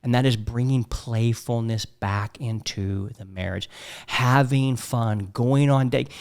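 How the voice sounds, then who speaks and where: A man hosting a podcast as a marriage coach, telling stories in a lively, profane way. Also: medium pitch, slow pace. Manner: animated storytelling with profanity. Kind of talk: casual podcast chat.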